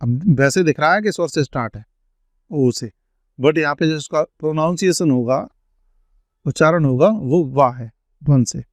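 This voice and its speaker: A man teaching an English grammar lesson, stretching out each example sentence slowly as he reads it. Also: fairly high pitch, dry recording. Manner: slow, drawn-out reading of example sentences. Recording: dry, dull lo-fi sound.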